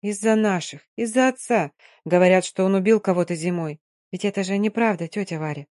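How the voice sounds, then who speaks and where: A woman's voice: mid-range voice, a little fast, a little mellow, dry recording, studio quality, lightly acted. Woman doing a grieving young Romani woman. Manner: pleading, tearful, raised voice.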